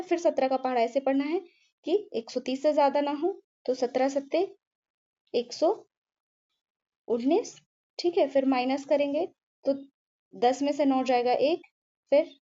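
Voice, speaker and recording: High-pitched lady teacher doing a maths problem slow and patient, keeps asking then answering herself, kinda dull lo-fi audio. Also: dark tone. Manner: patient, repeats "ठीक है" and asks herself questions. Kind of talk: step-by-step maths lesson.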